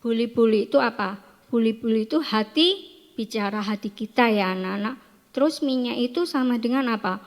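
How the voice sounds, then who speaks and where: A woman teaching Sunday school, telling a Bible story to children in an animated way and asking them questions. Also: a little high, fairly quick, big-room sound.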